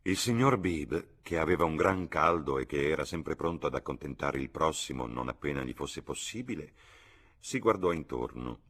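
Male audiobook reader, low and husky, measured expressive delivery. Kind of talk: scripted audiobook narration.

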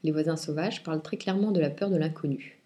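A woman reviewing and reading a children's picture book aloud in clear, expressive storytelling. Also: low-pitched, fast. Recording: roomy echo.

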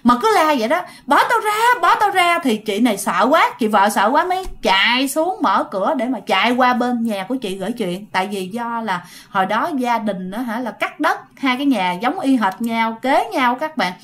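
A woman's voice: fairly high pitch, animated, moderate pace, few pauses, a bit bright. A woman telling ghost stories casually, talking straight to her listeners. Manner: chatty, addresses listeners directly. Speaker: storyteller.

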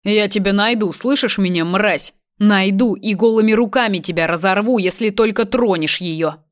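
A man's voice: high-pitched, normal speed. Woman reading as a furious threatening boss. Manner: threatening, shouting. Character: furious powerful older businessman, ex-criminal.

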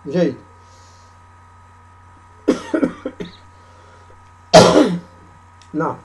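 A man teaching a grammar class, reciting examples slowly and prompting students with repeated questions for them to answer back. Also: sits high, wildly swooping pitch, gravelly, heavy background noise. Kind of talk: classroom lesson with call-and-response.

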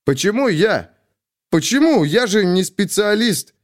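A man's voice: high voice, very animated, unhurried, voice pushed up. A man voicing an earnest, agitated young police captain who protests with passion in an audiobook. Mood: indignant agitated. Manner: agitated, impassioned. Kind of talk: audiobook character voice.

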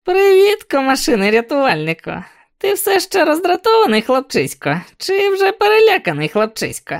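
A spiteful little creature sneers in a shrill, screeching voice that jumps high and low. His pitch is very high and strained, a thin, nasty timbre far from an ordinary speaking voice. He mocks and threatens as a storybook villain. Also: wildly swooping pitch, normal speed, vocal fry, full character voice. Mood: taunting. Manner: jeering, mocking. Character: spiteful tiny male creature, shrill and taunting.

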